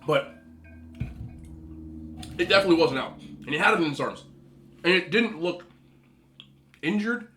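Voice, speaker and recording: A man hosting a mukbang, chatting casually and telling an animated, slangy, incredulous story between bites as he eats. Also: high voice, moderate pace, long pauses, a little hiss or hum. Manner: eating between phrases. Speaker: host of a mukbang video. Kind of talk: casual rambling storytelling while eating.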